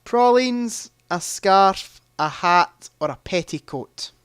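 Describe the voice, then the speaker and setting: A man's voice: high-pitched, animated, slow, a bit bright, clear, resonant tone, no echo, clean studio sound. A man hosting a live movie quiz stream, chatting casually, thinking aloud and making self-deprecating asides.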